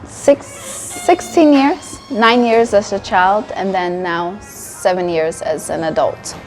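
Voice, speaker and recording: A woman in her twenties from Sierra Leone, raised in Denmark, answering interview questions in a thoughtful, steady way with frequent ums, recorded in a cafe. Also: mid-range voice, slow, soft background music, poor audio. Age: 20s. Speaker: interview guest, wellness coach. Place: indoor cafe.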